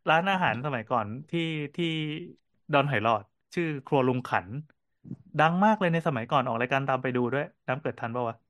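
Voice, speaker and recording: A man co-hosting a casual podcast, telling cafe stories in a quick, animated way with lots of fillers. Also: mid-range voice, dry recording. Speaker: podcast co-host and cafe owner.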